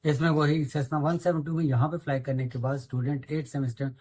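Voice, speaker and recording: A man's voice: fairly high pitch, fairly even intonation, a little fast, darkish tone, slightly rough, dry recording, low-quality recording. A man with a Pakistani accent, a flight simulator instructor explaining the cockpit instruments, mixing English aviation terms into his talk.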